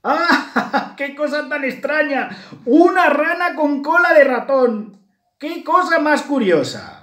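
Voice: sing-song, slow pace, a bit bright, exaggerated voice. A storyteller voicing an amused frog for a children's storybook reading. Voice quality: squealing high laughter. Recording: roomy echo.

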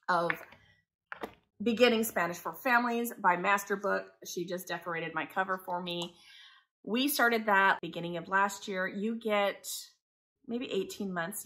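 This homeschooling mom from Taiwan, in her forties, vlogs casually and conversationally, wandering from point to point. She has a mid-range voice with a sharp tone and is indoors, by a living room window.

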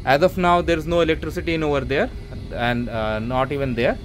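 On a handheld or body camera, shot first-person, a homeowner vlogger casually walks through his basement renovation, rambling with lots of fillers and restarts. His voice sits on the high side and moves fairly quickly, with slight background noise. The tour starts in an unfinished basement and later moves outdoors into a stairwell.

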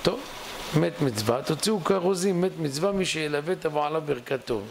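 A man, a rabbi, telling a dramatic story in a synagogue sermon, speeding up and slowing down for effect. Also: fairly high pitch, animated, gravelly, a little hiss or hum, low-quality recording. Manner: dramatic storytelling, shifting pace.

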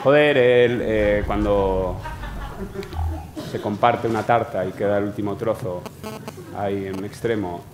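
A man's voice: on the low side, measured pace, pauses often, background noise. A man improvising an absurd comic monologue, rambling, swearing often and trailing into restarts. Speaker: comedian. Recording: echoey live venue with a loud crowd. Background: crowd laughter and ambience.

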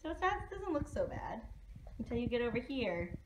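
A woman's voice: fairly high pitch, big pitch swings, moderate pace. A woman in her twenties chatting casually and playfully to a phone held at arm's length. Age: 20s. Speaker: vlogger. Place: small indoor rooms and parked car. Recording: noisy handheld phone recording.

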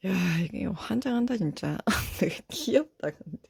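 A woman chatting as she unboxes toy figures. Her pitch leaps up and down as she exclaims and talks to herself. Wrapping crinkles behind her. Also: sing-song, unhurried, creaky, darkish tone, husky, no room sound, clean studio sound. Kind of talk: casual unboxing chat.

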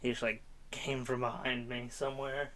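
A man's voice: mid-range voice, level tone, normal speed, sharp tone. Young man, gaming commentary, rambling, self-mocking, casual chat. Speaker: gaming YouTuber. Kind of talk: casual let's-play commentary.

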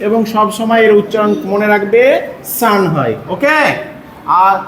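A man's voice: high-pitched, a bit bright, a little hiss or hum. Echoey male tutor drilling pronunciation. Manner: patient, repeats words slowly and asks the student to answer. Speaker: English tutor. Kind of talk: one-on-one pronunciation lesson.

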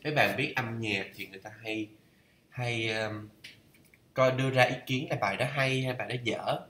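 A Vietnamese man talking through English idioms in a casual study vlog. He thinks aloud and reads English phrases slowly to check how they are pronounced. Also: medium pitch, pushed and bright, roomy sound, a little hiss or hum. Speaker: learner reading a course aloud.

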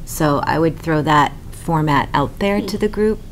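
Low-voiced woman at a committee table. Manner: measured, explains procedure step by step. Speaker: city council member on a committee. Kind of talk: committee meeting discussion. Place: conference room around a large table.

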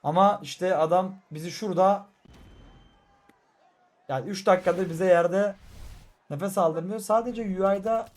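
A young man commentating live as he plays a fighting game, frustrated and excitable, muttering one moment and shouting the next. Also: sits high, a little slow, long pauses. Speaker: gaming streamer. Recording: faint crowd and game noise behind.

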